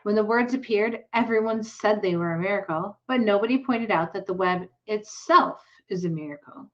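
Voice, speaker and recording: A calm, reflective old country doctor from a storybook, voiced by a woman reading aloud. He speaks in an unhurried, musing way. The recording is slightly dull and lo-fi. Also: mid-range voice, close to an everyday voice.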